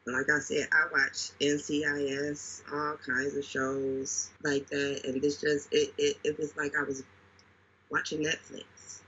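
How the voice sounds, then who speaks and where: A man talking casually with a very husky, bright voice. He retells things dramatically and leans on repetition. The recording sounds dull and lo-fi. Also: on the high side, completely flat delivery, unhurried. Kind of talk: casual conversation. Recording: dull lo-fi audio.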